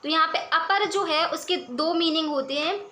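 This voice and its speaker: A woman teaching a lesson on poetry, her voice high and bright. She reads each verse slowly, then explains it in a patient, steady way. Her manner is clear and instructive.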